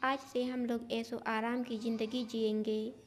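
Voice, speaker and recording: A woman's voice: on the high side, level tone, a little slow, a little hiss or hum, natural voice. A woman voicing a sly, greedy young woman in a storybook tale, wheedling and scheming. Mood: gleeful.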